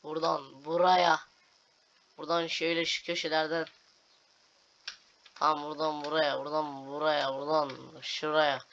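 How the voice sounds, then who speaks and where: A man's voice: fairly high pitch, little pitch movement, normal speed, long pauses, a bit bright. A young man giving casual gameplay commentary, narrating each move to viewers and swearing at glitches. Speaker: gaming video host. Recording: dull lo-fi home recording with clear noise.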